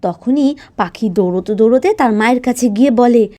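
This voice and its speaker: A woman telling a storybook village doll tale and voicing its figures with an emotive, lively delivery. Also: normal speed. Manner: emotive, lively delivery, pitch rising high for cries. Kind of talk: dramatized storybook narration.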